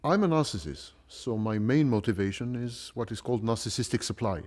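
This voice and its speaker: A man giving a confessional interview in a calm, clinical, detached manner. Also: medium pitch, a little fast.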